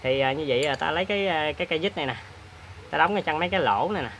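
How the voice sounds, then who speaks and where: A man hosts a hands-on repair demonstration, talking in a chatty, plain-spoken way with many filler pauses. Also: a little high, fairly bright tone, slight background noise. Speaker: repair tutorial host.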